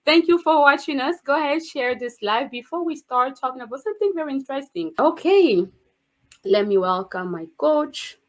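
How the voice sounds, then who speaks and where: A woman's voice: high voice, expressive, normal speed. A woman hosting a faith-based online interview, with an effusive, exclamatory and upbeat manner. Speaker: host.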